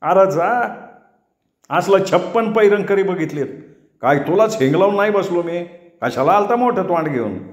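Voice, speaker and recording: A man's voice: high voice, lively intonation, normal speed, voice pushed up. A man voicing a stubborn, defiant older village cart owner, in a storybook tale. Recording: echoey room.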